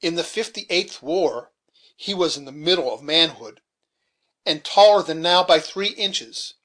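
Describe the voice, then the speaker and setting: A man's voice: fairly high pitch, animated, measured pace, fairly bright tone. A man voicing a garrulous old frontier hunter who rambles through memories in a folksy rustic dialect, in an audiobook reading. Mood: reminiscing.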